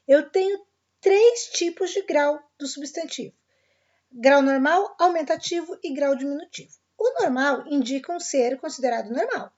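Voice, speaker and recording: A woman's voice: high voice, darkish tone, highs cut off. A woman teacher with a Brazilian Portuguese accent gives a recorded grammar lesson, explaining patiently and often checking that her class is following. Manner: patient, checks in with "tranquilo?" and "pessoal".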